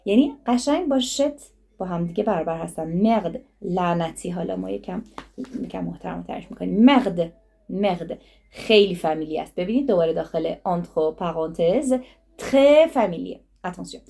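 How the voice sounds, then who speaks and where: A woman whose first language is Persian teaching French phrases, reading each one slowly and then explaining it quickly in Persian. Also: on the low side, creaky, mellow.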